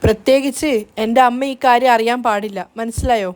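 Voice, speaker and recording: A woman voicing a calm young man who gently reassures a worried woman in a storybook recap. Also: fairly high pitch, fairly quick, clean tone, natural voice. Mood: reassuring.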